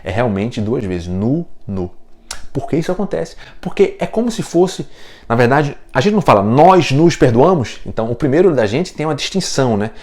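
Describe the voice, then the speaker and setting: A man's voice: mid-range voice, sing-song, normal speed, darkish tone. A Brazilian man with a Brazilian Portuguese accent, teaching a casual French lesson, explaining step by step with small jokes.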